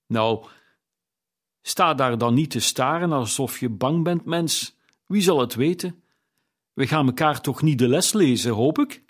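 A man's voice: medium pitch, lively intonation, unhurried. A man voicing a brash, scheming charwoman who talks in a bold, challenging way in an audiobook. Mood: brazen. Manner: brazen, challenging. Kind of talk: audiobook character reading.

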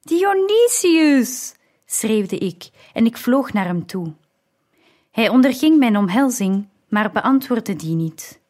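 Vrouw die rustig een luisterboek voorleest. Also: female voice, medium pitch, expressive, a little mellow. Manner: slow, measured reading. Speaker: audiobook narrator. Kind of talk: scripted narration.

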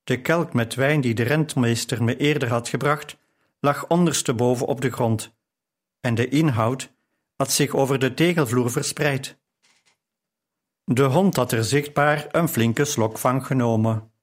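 A man narrates a novel in an audiobook. He reads at a slow, deliberate pace with a measured, even storytelling delivery. His voice sits at an ordinary male pitch. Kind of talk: scripted narration.

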